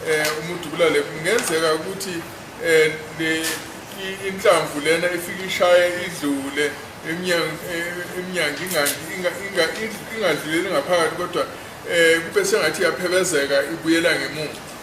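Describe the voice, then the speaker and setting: A man with a South African accent interpreting in court during a cross examination, halting and repeating the starts of words. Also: fairly high pitch, fairly even intonation. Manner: halting, repeats word beginnings. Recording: echoey, noisy courtroom recording.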